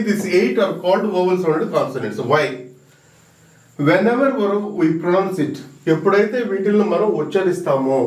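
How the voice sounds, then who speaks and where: A man teaching an exam-prep English grammar lesson, slow and emphatic, repeating key words and sounding out letters. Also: high-pitched. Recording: roomy echo, mic at a distance.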